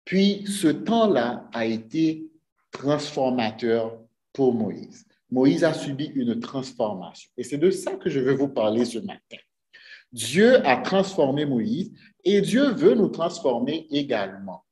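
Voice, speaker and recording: An earnest man delivers a sermon in a church, and his voice rings around a roomy, echoing space. He speaks at a middle pitch and keeps turning to the congregation with rhetorical questions. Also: very animated, takes it slowly, darkish tone. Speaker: preacher. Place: church sanctuary. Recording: echoey church room.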